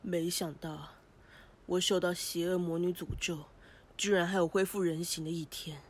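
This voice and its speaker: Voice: mid-range voice, fairly even intonation, moderate pace, natural voice. A voice actor playing a gallant young prince, once a cursed frog, in a cartoon, speaking in a grand, poetic, courtly way. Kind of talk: cartoon voice acting.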